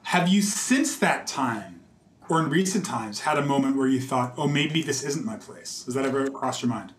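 A young adult man with a mid-range voice and lively intonation interviews a fellow conductor at a moderate pace. The conversation is hesitant, full of restarts and frequent "like," recorded in a roomy space with faint ambience.

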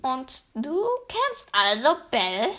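Woman doing a jumpy stammering crow guy, high bright voice swinging all over. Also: exaggerated voice. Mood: hasty. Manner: stammering, hurried, excitable. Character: brash, flustered male crow, bird-like trickster.

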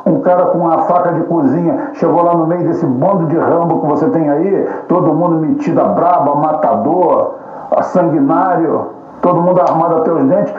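Profane, combative man on a roomy recording. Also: fairly high pitch. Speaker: political commentator. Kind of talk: casual political monologue. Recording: roomy, dull lo-fi, faint music.

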